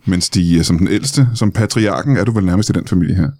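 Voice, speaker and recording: A man's voice: low voice, mellow, no room sound, clean studio sound. A man hosting a mock interview, asking probing, persistent questions. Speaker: host. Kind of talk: mock interview in improvised comedy.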